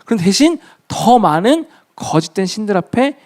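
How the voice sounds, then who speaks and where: A man preaching a sermon to a youth group, speaking lively and often addressing his listeners and acting out short dialogues. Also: high voice, moderate pace. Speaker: youth pastor.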